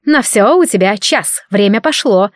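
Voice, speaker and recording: A woman voicing a loud, impatient, commanding queen mother in an audiobook. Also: mid-range voice, expressive, moderate pace, no echo, studio quality, natural voice. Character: bossy shrill queen mother, middle-aged.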